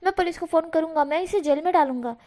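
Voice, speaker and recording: A woman voicing a furious, jealous young man who shouts insults and repeats words in anger, in a storybook reading. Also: high-pitched, a little fast, lightly acted. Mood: accusing.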